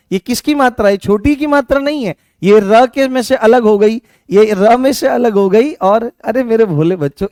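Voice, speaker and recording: A grammar teacher with a Rajasthani Hindi accent leads an online exam-prep lesson, going over each point repeatedly, coaxing students with questions, calling them beta, and naming viewers as he answers their comments. His voice is high for a man with a darkish tone, recorded close and dry without any room sound.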